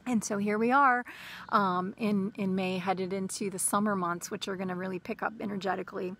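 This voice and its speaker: Woman vlogger, gravelly, mid pitch; rambly and sleep-deprived, casual personal monologue. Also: fairly even intonation, a little fast, fairly bright tone, a little hiss or hum. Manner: rambling, many fillers and restarts. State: short on sleep, caffeinated. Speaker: spiritual vlogger.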